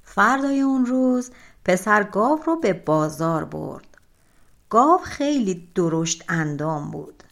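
Expressive woman folk tale narrator. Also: medium pitch, vocal fry. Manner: expressive, colloquial, drawn-out phrase ends. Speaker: audiobook narrator.

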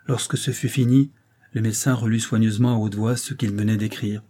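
A man narrating a novel as an audiobook in a steady, even way. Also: on the low side, fairly quick.

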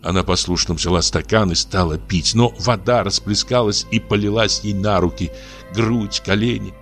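A man narrating a literary story as an audiobook reader, in a measured, expressive way. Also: lowish voice, soft background music.

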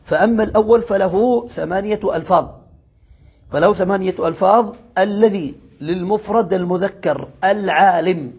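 A high-pitched man with a gravelly, husky voice teaches a classical grammar lesson. He reads passages from the text, then explains them and keeps checking that his students follow. The recording is dull and lo-fi. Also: normal speed. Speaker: sheikh teaching Arabic grammar.

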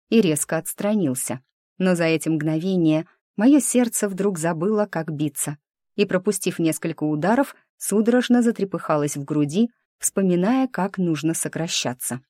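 A woman reads a first-person audiobook with lively, ironic storytelling. Her voice is low for a woman, and the sound is dry and close, with no room around it. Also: no room sound.

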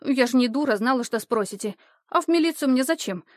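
A woman voicing a brash young girl who loudly insists on her own way in an audiobook. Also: high-pitched, expressive, a little fast, dry recording, clean studio sound. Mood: defensive. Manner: loud, insistent protesting.

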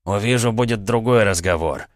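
A man's voice: fairly low pitch, moderate pace, dry recording, studio quality, voice pushed up, natural voice. A man voicing a vicious, jumpy armed bandit who snarls and barks orders in a storybook reading. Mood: cold menace.

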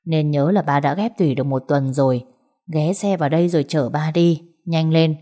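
A woman's voice: low-pitched, moderate pace, mellow. A woman voicing a stern elderly father who speaks curtly and gives orders. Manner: curt, commanding.

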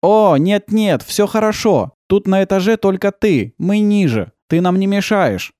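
Male narrator voicing a gentle alien, high, slow and earnest, dry audiobook read. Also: expressive, no echo. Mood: friendly. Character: gentle alien male creature, polite and eager.

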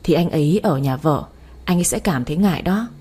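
A woman voicing a gentle, trusting young wife who speaks softly and pleadingly. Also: low voice, animated, brisk, husky.

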